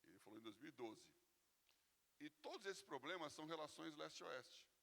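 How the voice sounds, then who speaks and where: A Brazilian-accented male pastor with a gravelly, creaky voice, talking to his congregation. He preaches conversationally and tucks in little "né?" checks as he tells stories. His voice rings out with a long hall reverb. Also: fairly high pitch, animated, normal speed, bright, forceful tone. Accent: Brazilian Portuguese. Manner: conversational storytelling, frequent "né?" tags. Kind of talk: sermon with personal anecdotes. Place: church hall.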